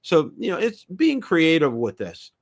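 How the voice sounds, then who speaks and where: A man's voice: on the high side, huge pitch swings, a little slow, a little hiss or hum. A middle-aged man hosting a casual live stream, talking in a rambling, chatty way with many fillers and restarts, with temporary teeth after oral surgery. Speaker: host of a live drone show.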